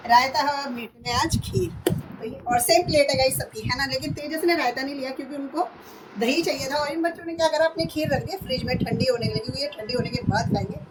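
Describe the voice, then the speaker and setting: A hoarse woman in her thirties chatting through a home vlog, describing her chores step by step. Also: high voice, fast talker, noisy background. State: hoarse, voice going. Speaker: vlogger. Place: at home, indoors.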